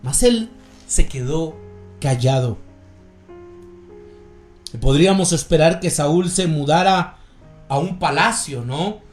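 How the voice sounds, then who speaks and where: Slow, measured Guatemalan preacher man. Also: on the high side, lively intonation, roomy sound, soft background music. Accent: Guatemalan Spanish. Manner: slow, measured preaching, often addressing listeners as brothers. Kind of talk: sermon with scripture reading.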